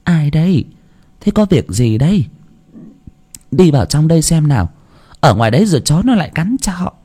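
A man voicing a soft-hearted, fussing elderly grandmother in a storybook tale. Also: big pitch swings, normal speed, breathy edge. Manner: scolding, coaxing, high-pitched.

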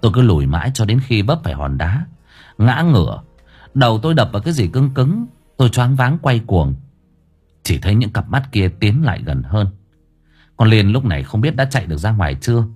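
A man narrating a first-person audiobook story in a dramatic, lively way. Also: fairly low pitch, fairly quick, husky, soft background music.

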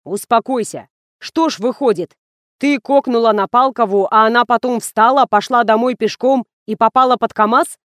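Woman voicing a male publisher, calm, dry irony, audiobook, close dry sound. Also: fairly high pitch, moderate pace, dry recording, lightly acted. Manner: calm, dryly ironic.

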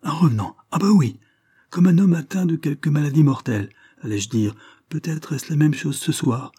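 A man's voice: fairly high pitch, animated, moderate pace, dark tone, slightly rough, dry recording, clean studio sound, pitched above the performer's own voice. A man doing an anxious old steward. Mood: fretful. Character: old loyal male estate steward, anxious.

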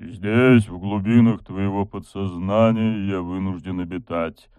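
A man voicing an ancient, sealed dark god in a fantasy audiobook, heard as a disembodied voice from the darkness, low and rumbling, speaking softly and coaxingly. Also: steady tone, clear, resonant tone, no echo. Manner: slow, soft, coaxing. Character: ancient sealed dark god, huge, soft-spoken and sinister. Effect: disembodied voice from the darkness, filtered and distant. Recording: narrow phone-like filter.

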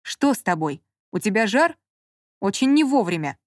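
Женщина в аудиокниге читает реплики ворчливого раздражённого мужчины, занятого делом. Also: female voice, medium pitch, very animated, moderate pace, no echo, studio quality, close to an everyday voice. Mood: muttering. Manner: grumbling, irritable, muttering. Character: grumpy man absorbed in work, snappish. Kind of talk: audiobook character reading.

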